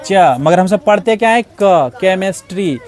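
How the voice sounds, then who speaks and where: A man's voice: high voice, moderate pace, darkish tone. A male teacher leading a classroom lesson, firing repeated questions at his students for them to answer back. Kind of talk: classroom lesson with call-and-response. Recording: class chatter and student replies behind.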